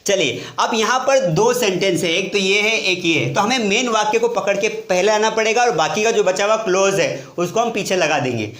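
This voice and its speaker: A lively man teaches English grammar at a whiteboard, quizzing his students as he goes. His voice sits high, and the bare classroom gives it a noticeable echo. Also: moderate pace, few pauses. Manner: lively, questioning students often. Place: classroom with board. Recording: echoey room.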